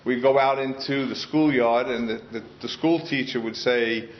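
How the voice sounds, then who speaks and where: A middle-aged man from Queens, New York, shares his story with a group in a meeting room at a recovery meeting, earnest and heartfelt, often restarting his sentences. His voice is mid-range with fairly even intonation at a normal speed. The recording is dull and lo-fi, with a little hiss or hum.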